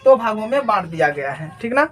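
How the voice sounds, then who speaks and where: A woman's voice: medium pitch, sing-song, brisk. A woman teacher explaining phonetics at a board. She repeats key words, asks questions and answers them herself, and keeps checking that students follow. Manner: often adds a checking "right?" tag. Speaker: English teacher. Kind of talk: classroom lesson explaining phonetics.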